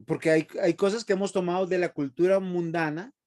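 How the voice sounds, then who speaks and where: A man's voice: high-pitched, fairly even intonation, brisk, a little mellow. A man teaching a seminary Bible class, emphatic and often asking the class rhetorical questions.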